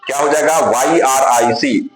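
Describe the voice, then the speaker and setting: A man's voice: mid-range voice, measured pace. Man teaching chemistry in a very echoey room. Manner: spells names letter by letter, asks and answers his own questions; addresses students as dear children. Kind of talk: classroom lecture. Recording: very echoey room with music behind.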